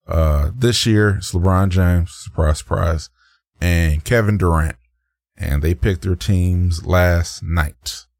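A man's voice: low-pitched, slow, vocal fry, a little mellow, no room sound, clean studio sound. A man co-hosting a podcast, chatting casually and animatedly, slipping into mock voices to tell stories. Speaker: podcast co-host. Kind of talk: casual chat.

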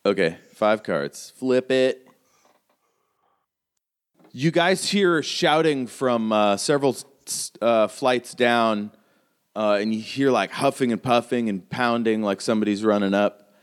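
A man's voice: medium pitch, a little slow, clear, resonant tone. A man narrating a tabletop game as game master, casual and swearing freely. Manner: casual, swearing, laughing often.

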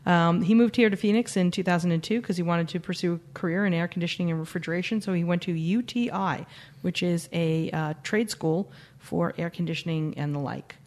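A woman's voice: fairly low pitch, a little fast, a little mellow. A woman co-hosting a podcast, chatting casually and introducing guests with wry, joking asides. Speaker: podcast co-host.

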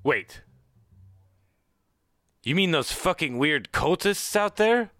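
A man narrating a tabletop game as game master, animated and laughing often. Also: on the high side, slow pace, dry recording, soft background music.

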